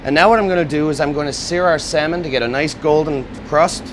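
A man's voice: a little high, fast, a little hiss or hum. Man, chef demo. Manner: steady instructive step-by-step explaining. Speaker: executive chef. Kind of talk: cooking demonstration. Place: restaurant kitchen at a gas range. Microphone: lapel mic.

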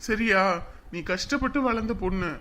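A man's voice: high voice, moderate pace, bright, forceful tone. An actor playing a young man who patiently explains why he turns down a marriage, speaking earnestly in a web drama. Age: young adult. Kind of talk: Tamil web drama acting.

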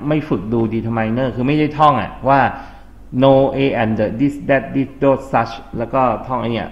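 A man's voice: mid-range voice, fairly even intonation, slow. A man with a Thai accent teaching an English grammar lesson to a class, explaining step by step, spelling out words letter by letter and quizzing his students. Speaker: English tutor. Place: tutoring classroom. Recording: dull lo-fi classroom recording with faint hiss.

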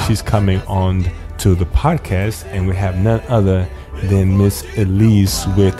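A man's voice: low-pitched, little pitch movement, measured pace, over music. A man hosting a podcast in casual interview style, upbeat and playful, often repeating words for emphasis. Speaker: podcast host.

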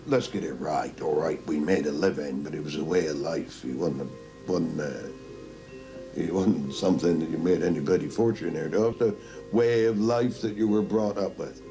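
A man's voice: extremely low pitch, normal speed, creaky, dark tone, soft background music. An older man with a Cornish accent, a retired fisherman telling blunt, emphatic stories from his past. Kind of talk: reminiscing interview.

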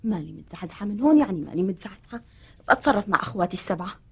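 An actress with a Syrian Arabic accent playing a stubborn second wife who curtly refuses to leave. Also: female voice, medium pitch, lively intonation, racing, slightly rough. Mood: defiant. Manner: defiant, curt refusals. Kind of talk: TV comedy acting.

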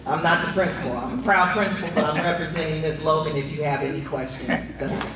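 A school administrator speaking briskly at a board meeting, with a few hesitations. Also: medium pitch, steady tone, very noisy. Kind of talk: public comment at a meeting. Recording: echoey hall from far off.

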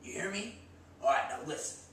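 A young man in his twenties speaks briskly, his voice on the high side with lively intonation and a fairly bright tone. He's hosting a sketch of swaggering meathead gym tips, filmed by a far camera in a small, bare-walled indoor room that sounds echoey, with slight background noise.

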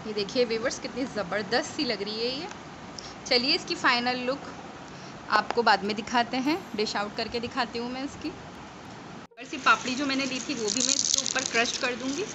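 A woman's voice: fairly high pitch, normal speed. Woman, cooking tutorial host, talks viewers through every step, noisy home kitchen recording. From Pakistan. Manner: chatty, checks in with viewers.

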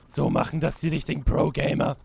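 A man's voice: a little high, flat delivery, brisk, gravelly, background noise. A man commenting as he plays a horror game, joking, swearing and panicking, sometimes reading notes aloud in a mocking tone. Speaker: gamer playing a horror game. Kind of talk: let's play commentary. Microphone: desk mic with facecam.

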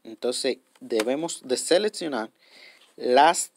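A man's voice: medium pitch, expressive, slow pace, heavy background noise. A man hosting a step-by-step app tutorial. He explains patiently, repeats himself, and keeps checking in with his viewers. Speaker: tutorial host.

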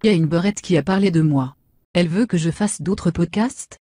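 Woman acting out a crude, smug young woman, dark husky tone, comic machinima lead. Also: lowish voice, normal speed, no room sound, lightly acted. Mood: brash. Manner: brash, insulting, self-satisfied. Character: vain crude foul-mouthed young woman.

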